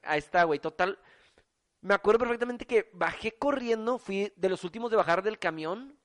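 A man's voice: sits high, brisk. A young man with a Mexican accent telling a story in casual chat, slangy and profane, with a filler word in nearly every phrase. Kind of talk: casual storytelling among friends.

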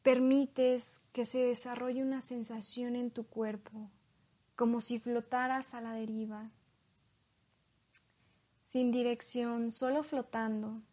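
A woman leading a guided hypnosis in a slow, soothing hypnotist voice, leaving long pauses between phrases. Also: fairly high pitch, flat delivery, dark tone.

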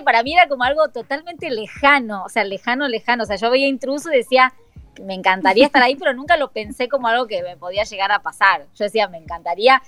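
A young woman from Tucumán with a Tucumán accent, a guest telling stories in a lively, informal chat. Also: a little high, no room sound. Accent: Tucumán Argentine Spanish. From Tucumán, Argentina. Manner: chatty storyteller, lively and informal. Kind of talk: casual chat.

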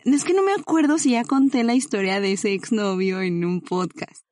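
A young woman chats on a podcast, rambling through a story and giggling often. Her pitch sits mid-range for a woman, and the sound is dry and close. She keeps it loose and casual, full of restarts and asides. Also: moderate pace, darkish tone, no echo. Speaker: podcast co-host.

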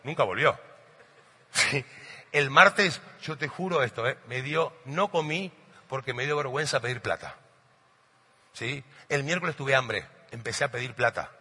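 A middle-aged man from Argentina with an Argentine Spanish accent, a motivational speaker and coach telling animated stories to an audience and often asking "¿sí?". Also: medium pitch, a little slow, slightly rough. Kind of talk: storytelling talk to a live audience. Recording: long hall reverb.

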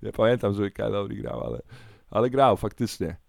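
A man co-hosting a podcast, chatting casually in an animated, rambling way and often correcting himself mid-sentence. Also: on the low side, a little fast, vocal fry, no room sound, studio quality. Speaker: podcast co-host. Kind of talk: casual chat.

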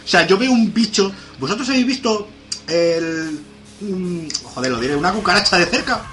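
Man, bright, animated storytelling, casual podcast. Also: high voice, moderate pace, faint music behind. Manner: animated, acts out scenes with quoted voices and laughs. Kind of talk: casual podcast chat reviewing a film.

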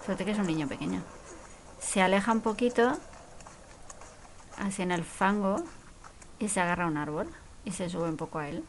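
A woman's voice: lowish voice, normal speed, long pauses, slight background noise, poor audio. A woman chatting through a film as she watches it, exclamatory, with whispered asides. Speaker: film reaction commentator. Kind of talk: casual commentary while watching a film.

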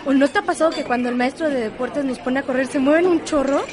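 A woman's voice: sits high, fast talker, crowd noise, natural voice. A woman playing a shy teenage schoolgirl in an educational radio drama, chatty and full of exclamations. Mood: gossipy. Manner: gossipy, exclamatory "ay". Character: teenage girl Fer, shy about her crush.

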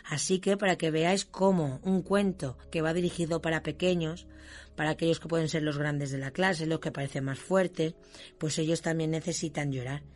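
A woman storyteller reading children's stories aloud in an expressive way and speaking directly to her listeners. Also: deep voice, moderate pace.

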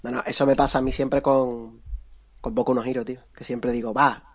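A man with a Spanish accent from Spain, co-hosting a podcast chat, excitable and swearing freely as he talks. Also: medium pitch. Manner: rapid-fire, excitable, swears freely, says "tío" constantly. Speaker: podcast co-host. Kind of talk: casual chat among friends.

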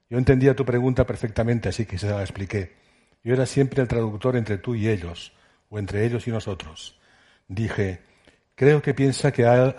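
A man with a low, mellow voice reads a literary passage aloud in a measured way. He gives the shouted words in the story some life. It is recorded at an auditorium event. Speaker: reader of a novel excerpt.

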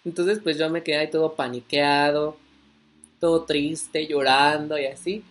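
A man's voice: a little high, fairly even intonation, moderate pace. A young man with a Mexican accent casually telling a story as a vlogger, rambling with many fillers and asides.

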